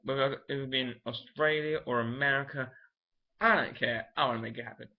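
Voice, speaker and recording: A young vlogger chats casually to his camera, drifting from thought to thought, thinking aloud and restarting sentences as he goes. He speaks briskly at an ordinary middle pitch, and the recording has a dull, lo-fi home sound.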